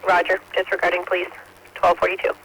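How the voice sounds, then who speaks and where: A male fire dispatcher speaks formally over two-way radio. His voice is high and very even, with a sharp edge and faint hiss behind it. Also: quick pace, vocal fry, rough recording. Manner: formal, repeats messages back. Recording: hissy radio dispatch audio.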